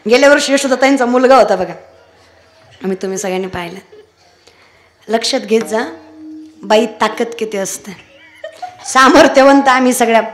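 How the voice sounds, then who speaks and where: A woman kirtan preacher telling a devotional story with humor, acting out village voices and breaking into sung verses. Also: medium pitch. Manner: animated, acts out village voices, sings verses.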